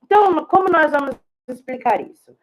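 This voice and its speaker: A woman teacher, giving a remote classroom lesson and explaining slowly and patiently, often checking in with her class. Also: high-pitched, animated, dull audio.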